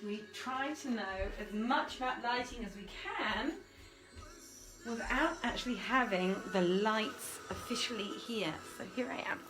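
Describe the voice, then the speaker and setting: A fairly high-pitched, unhurried woman hosts a casual livestream reading from home, the room holding a desk and piano. The recording is low quality, with soft music playing. She chats and mutters to herself, her manner apologetic.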